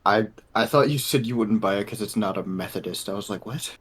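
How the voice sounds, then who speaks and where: A man's voice: lowish voice, brisk. A man chatting casually and joking with friends as he plays a game. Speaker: player in a group gaming session.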